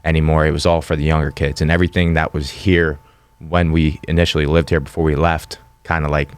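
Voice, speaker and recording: A young man in his twenties from western Pennsylvania, a podcast guest talking about himself in a matter-of-fact way. His voice is very low and flat but smooth and clear, and the recording is dry and close. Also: brisk, no room sound. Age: 20s. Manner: plain, matter-of-fact storytelling. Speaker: guest, fighter. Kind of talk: casual interview.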